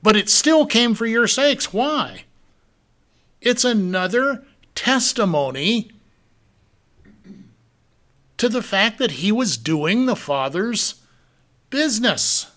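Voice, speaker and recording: Male preacher, higher-pitched, unhurried, leans hard on key words, verse-by-verse sermon. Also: lively intonation, fairly bright tone. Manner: deliberate, drawn-out emphasis on key words; rhetorical questions to the congregation.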